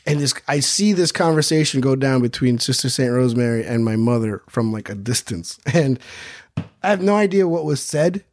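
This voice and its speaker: A man's voice: mid-range voice, animated, normal speed, darkish tone, no room sound, studio quality. A man from Queens, New York, hosting a podcast and telling a childhood story in a profane, self-mocking comic way. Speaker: podcast host. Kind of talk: comedic storytelling.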